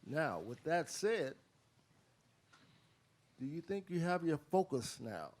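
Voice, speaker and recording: A man speaking as a reporter at a press conference, formal and respectful, with deliberate phrasing. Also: fairly high pitch, sing-song, a little mellow. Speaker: reporter asking a question.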